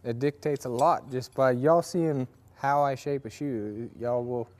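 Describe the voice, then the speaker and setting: A farrier instructor with a mellowish, mid-range voice gives an informal demo at a forge workshop. He rambles, leaning on fillers and starting sentences over.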